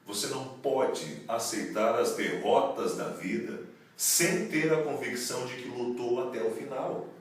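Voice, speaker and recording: In an office, a network marketing promoter with a mid-range voice speaks at a measured pace, addressing viewers in an emphatic, preacher-like promotional video. The room echoes, and the mic sits far off.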